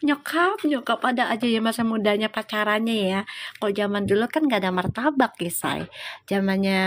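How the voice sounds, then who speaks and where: A middle-aged woman, a tarot reader telling a story casually to her livestream viewers, chatty and laughing often. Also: a little high.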